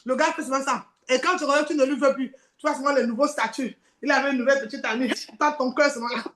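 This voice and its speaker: A woman with a high, bright voice preaches. She is theatrical and acts out the voices that pull at her, switching between lines of dialogue. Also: steady tone, fast talker, echoey room. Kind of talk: sermon.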